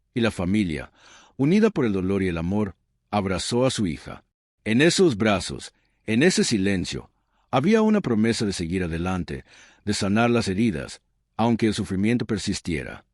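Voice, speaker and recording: A man narrating a sad story in a solemn, sorrowful, measured way. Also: fairly low pitch, a little mellow, no echo, studio quality.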